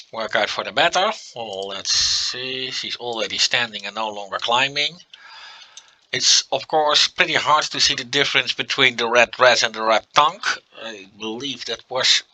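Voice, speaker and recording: A native Dutch speaker with a Dutch accent does relaxed let's-play commentary, thinking out loud with plenty of fillers. His voice is medium-pitched and the recording quality is low.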